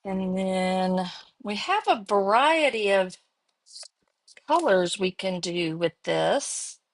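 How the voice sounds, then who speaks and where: A woman's voice: mid-range voice, expressive, slow pace, dry recording. A woman with a Texas accent hosting a casual card-making demo, chatting and thinking aloud as she works. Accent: Texan. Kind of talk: casual live crafting demo.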